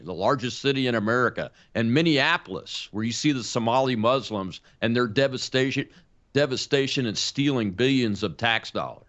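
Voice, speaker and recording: A man's voice: medium pitch, fairly bright tone, dull audio. Older male talk show host, emphatic. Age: 60s. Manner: emphatic, with frequent fillers and restarts. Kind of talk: political talk show hosting.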